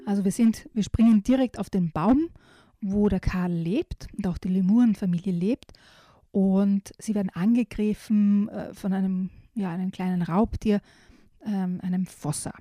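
A woman presents children's picture books, reading passages aloud in a soft, mellow voice and then chatting to a young listener with small fillers. Her pitch sits in an ordinary middle range. The sound is dry and close, with no room around it. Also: normal speed, no room sound. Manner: lively storytelling with shifted voices for animals.

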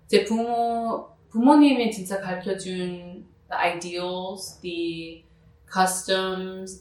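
A Korean American woman gives casual interview answers in a halting, slow-paced way. She is a native English speaker and often switches into English phrases mid-sentence. The sound is roomy and echoing, picked up at some distance from the microphone. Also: fairly low pitch. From New Jersey, United States. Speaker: musician being interviewed.

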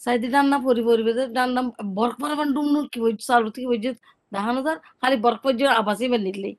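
Speaking quickly in a slightly high voice with fairly even intonation, a native Rohingya-speaking woman gives an interviewer her eyewitness account. Her delivery is conversational, with frequent repeated words.

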